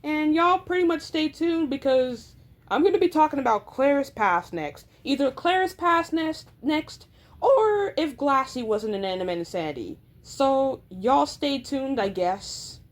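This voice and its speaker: A woman's voice: high voice, animated, measured pace. A woman casually explaining the backstory of characters she made, stuttering and restarting often with lots of filler words. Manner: rambling, filler-heavy delivery. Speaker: creator explaining her character lore. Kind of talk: casual chat.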